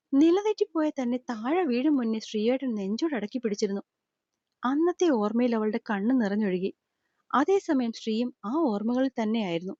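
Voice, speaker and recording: A woman storyteller reading a scripted story narration in a steady, measured way. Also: fairly high pitch, no room sound. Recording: slightly dull lo-fi recording.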